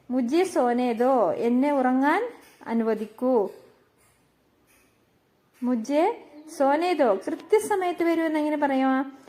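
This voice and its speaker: A woman from with a high, light voice teaches everyday phrases in an unhurried way. She repeats each sentence and slows down for the new words. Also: warm tone. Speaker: language teacher. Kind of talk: spoken Hindi lesson explained in Malayalam.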